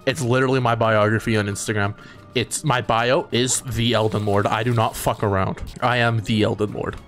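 A man giving excitable, profane commentary while playing a video game. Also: lowish voice, moderate pace, faint music behind. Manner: excitable, profane, laughing often. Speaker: gamer. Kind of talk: casual let's-play commentary.

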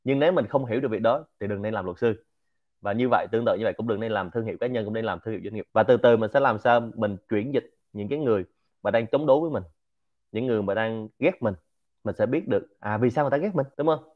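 A man with a Central Vietnamese Quảng Nam accent giving a lively, informal lecture to a community and dropping English words into his talk. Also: lowish voice, fast talker, phone-quality sound. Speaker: speaker hosting a Q&A session.

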